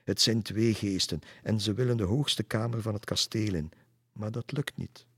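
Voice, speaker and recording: A man's voice: lowish voice, moderate pace, fairly bright tone, slightly rough, dry recording, studio quality. A man voicing a cheeky boy who teasingly tells ghost stories about a castle in a storybook reading. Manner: teasing, knowing.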